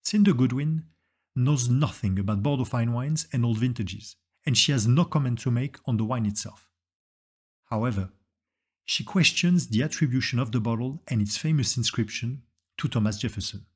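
Husky-voiced man narrating a story. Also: mid-range voice, moderate pace. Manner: dramatic storytelling, building suspense. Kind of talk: scripted narration.

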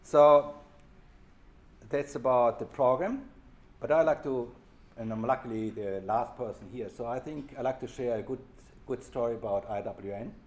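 A man's voice: medium pitch, moderate pace. A man with a German accent gives an unscripted workshop update as program leader, restarting phrases and using plain informal wording. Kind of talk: workshop presentation. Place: workshop room.

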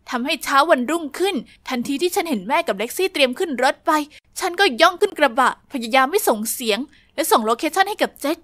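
A woman telling a dramatic first-person story in scripted narration for an animated story video. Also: sits high, no room sound, clean studio sound.

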